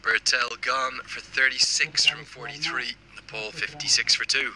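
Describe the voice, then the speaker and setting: A man's voice: mid-range voice, moderate pace, pushed and bright, slight background noise, poor audio. A man giving live cricket commentary and reading out viewer messages. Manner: reads viewer messages aloud.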